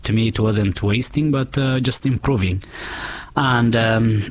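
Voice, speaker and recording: A man, a guest in a casual interview, telling his story in an unhurried, reflective way. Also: medium pitch. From Kenya.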